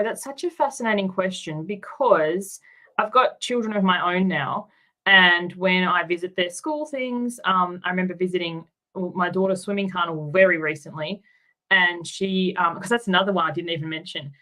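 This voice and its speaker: Interview guest: Australian woman, middle-aged, lower register, candid and reflective. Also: normal speed, pushed and bright, low-quality recording. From Tasmania, Australia. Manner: open, reflective, with frequent ums and likes.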